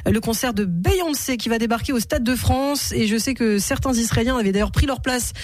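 A woman hosting a morning radio show, introducing segments and guests in a brisk presenting manner. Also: a little high, no room sound, clean studio sound.

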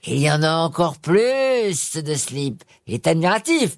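A woman on a game show panel reading a joke aloud, halting and losing her place as she goes. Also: deep voice, big pitch swings, dry recording, studio quality.

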